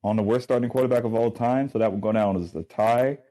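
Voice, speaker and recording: A man's voice: mid-range voice, fairly even intonation, fast talker, warm tone. Easygoing man hosting a sports debate. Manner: easygoing, filler-heavy moderator. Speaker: debate show host.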